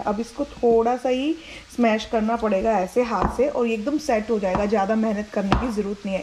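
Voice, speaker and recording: A woman's voice: a little high, background noise. Chatty young woman narrating a cooking vlog. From India. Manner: chatty, explains each step, often adds filler "na". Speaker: home cooking vlogger and mother. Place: home kitchen. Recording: kitchen sizzle and stirring sounds.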